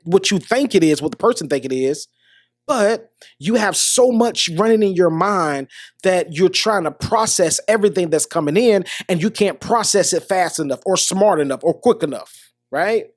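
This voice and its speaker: A man's voice: high-pitched, dry recording, clean studio sound. Earnest American man giving relationship advice. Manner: earnest, repeats himself, restarts phrases. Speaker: podcast host. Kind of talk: motivational monologue.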